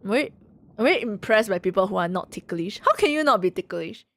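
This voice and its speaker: A woman's voice: mid-range voice, animated, a little fast, a bit bright. Giggly woman streamer reading game text. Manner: giggly, playful. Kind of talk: casual game playthrough, reading text aloud.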